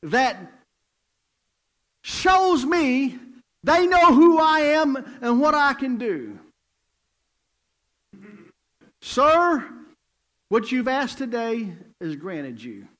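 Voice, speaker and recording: A preacher voicing a booming, commanding king. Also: sing-song, normal speed. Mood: proclaiming. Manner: booming, proclaiming. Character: mighty old king on a throne, commanding.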